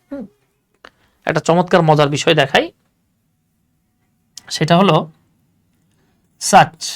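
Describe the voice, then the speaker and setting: A man teaching an English grammar lesson in a casual classroom style, explaining step by step, repeating key points and asking rhetorical questions. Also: high-pitched. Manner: slows down to spell out words while writing.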